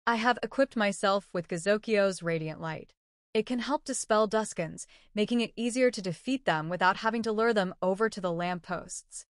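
A woman's voice: medium pitch, normal speed, no echo, clean studio sound. A woman narrating her own video game play as gameplay commentary. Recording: game music behind voice. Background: faint game music.

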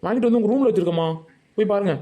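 A man doing a bullying cartoon father, gruff, threatening, snaps out lines at breakneck speed. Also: sits high, very fast, mellow. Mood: scheming. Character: harsh, bullying middle-aged father. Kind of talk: Tamil cartoon voice acting.

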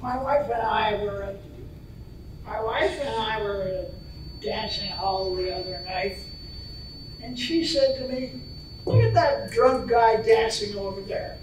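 An older woman playing a joking married man at a bar in an amateur stage comedy skit, delivering one-liners slowly. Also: mid-range voice, natural voice. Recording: echoey hall, far-off mic, faint noise.

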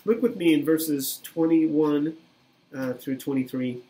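A man in his fifties gives an earnest sermon in a slow, unhurried cadence, his voice sitting a little high for a man. He leans on repeated phrases as he preaches to a webcam in a small, plain room. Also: dark tone, rough recording. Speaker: pastor. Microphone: webcam at desk, video recording.

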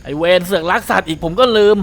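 A young man commentating a video game, talking to his viewers, often shouting and swearing. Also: high voice, fast talker. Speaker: gaming streamer. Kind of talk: excited Let's Play commentary. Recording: game sounds and noise behind.

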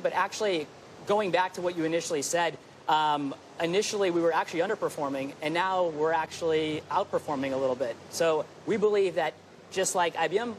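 A man's voice: on the high side, slight background noise, poor audio. A man in his thirties explaining his company on an outdoor TV set, eager and confident. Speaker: company co-founder guest. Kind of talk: business news interview.

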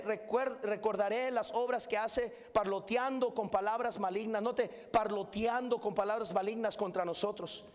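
A man, a pastor preaching a fervent sermon in a large church auditorium and rising into shouts. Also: very high-pitched.

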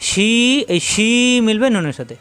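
Speaking straight to his students, a man spells out Quranic letters one by one and repeats each to teach their pronunciation. He has a Bangladeshi Bengali accent and a high, expressive, fairly bright voice at a moderate pace, recorded dry.

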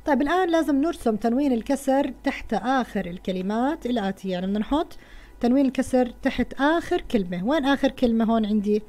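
A woman's voice: fairly high pitch, animated, fast talker, mellow. A woman with a Levantine Arabic accent teaching a first-grade lesson to children, patiently spelling out words sound by sound.

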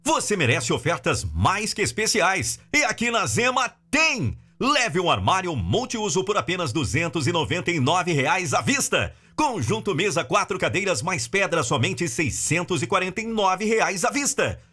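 A man's voice: big pitch swings, normal speed, pushed and bright, slightly rough, heavily acted. A Brazilian man performing an upbeat retail announcer, a hard-sell ad voice with punchy, emphatic delivery, close on a studio mic. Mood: excited selling. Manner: punchy, emphatic sales pitch. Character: upbeat male retail announcer pushing store offers. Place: small sound-treated home studio. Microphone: close studio condenser microphone.

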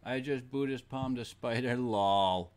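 A man streaming a board game, muttering to himself in a relaxed way with some mild cursing. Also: medium pitch, measured pace. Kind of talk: casual commentary while playing.

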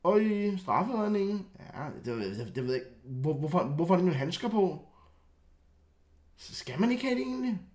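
A young man giving casual, excitable commentary while reacting to football clips, often stammering and restarting, loud outbursts dropping to low muttering. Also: roomy sound.

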